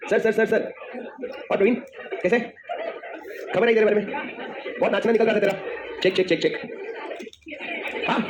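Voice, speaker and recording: A man teaching a class, energetic and teasing his students, then dictating slowly. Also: sits high. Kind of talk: lively classroom lecture. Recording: noisy classroom with class chatter. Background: students murmuring.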